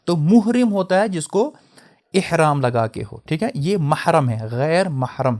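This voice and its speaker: A young man delivers a religious lecture in a noticeably high voice. He explains each term with care and contrasts how words are pronounced. He slips into English phrases as he teaches. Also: expressive, a little mellow. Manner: explanatory, switches into English mid-sentence; spells out and contrasts word pronunciations. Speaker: Islamic teacher.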